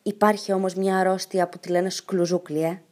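Woman doing a cheeky eccentric little girl, high playful voice, storybook reading. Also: natural voice. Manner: lively, bright and playful.

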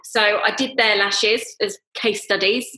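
A woman with a bright, forward voice and a Home Counties English accent, heard in an echoey room. She chats informally and candidly, like a guest telling her own story in an interview. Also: mid-range voice, steady tone, a little slow. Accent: southern English, Home Counties. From Surrey, England. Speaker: guest, eyelash technician and business owner. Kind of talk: casual interview chat. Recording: roomy, echoey sound.

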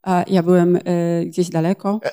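Mellow-voiced woman interpreting a sermon. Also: lowish voice, little pitch movement, moderate pace.

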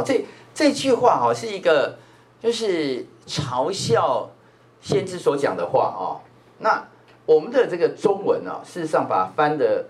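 A male pastor with a Taiwanese Mandarin accent, teaching a Bible class in a lively, chatty manner full of filler particles. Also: on the high side. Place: church classroom.

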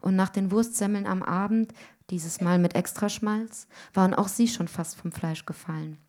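A woman reading a literary story aloud in a rhythmic way, often dropping to hushed tones. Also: mid-range voice, moderate pace. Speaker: reader.

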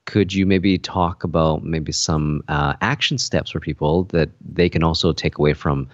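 A man's voice: extremely low pitch, fairly even intonation, moderate pace, dull audio. A man co-hosting a podcast in casual chat, rambling with many fillers and restarts. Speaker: podcast co-host.

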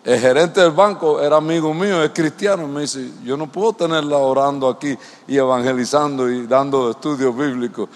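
A man's voice: mid-range voice, brisk, few pauses. A male pastor preaching a sermon, telling stories and asking the congregation rhetorical questions. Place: church. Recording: long church-hall reverb.

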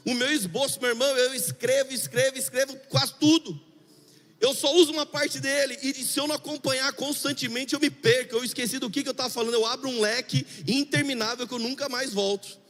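A man preaching to his congregation with a high, bright voice that rings out in a hall with a long echo. His delivery is chatty and confessional. He drops to soft murmurs, then rises into fervent outbursts. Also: fairly even intonation, brisk. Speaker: pastor. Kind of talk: sermon. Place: church hall.

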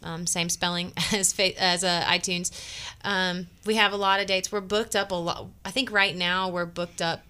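A bubbly woman singer chats through an interview. Her voice is fairly low but bright and forceful. She talks in a lively, friendly stream and laughs often. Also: normal speed, clean tone. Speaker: singer and guest musician. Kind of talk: casual interview chat.

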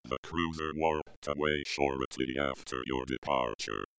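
A man voicing a calm, obedient male droid pilot who speaks slowly and formally. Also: rumbling low, dry recording, faint music behind, pitched below the performer's own voice, exaggerated voice. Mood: reporting. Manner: slow, formal, mechanical delivery.

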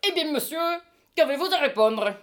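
A woman plays a pompous, mock-solemn French husband who sits in judgment on his maid. Her voice sits a little high and swoops all over. It is a live stage reading. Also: animated, moderate pace. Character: indignant middle-aged husband judging his maid.

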